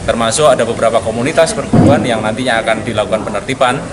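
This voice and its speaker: A man's voice: mid-range voice, fast talker, very noisy. A man in his forties, a police official, speaking in formal official phrasing at a press interview. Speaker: deputy police chief, interviewee. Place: open-sided event hall, press doorstop. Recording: loud crowd chatter behind interview.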